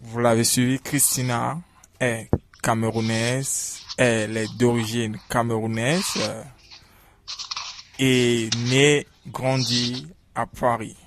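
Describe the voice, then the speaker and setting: A man hosting a radio interview, talking with many halting fillers. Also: mid-range voice, little pitch movement, noisy background. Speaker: radio host.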